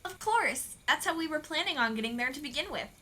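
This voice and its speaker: A woman's voice: high voice, lively intonation, a little fast, bright, forceful tone. A woman voicing a polite, sensible young animal friend who speaks courteously.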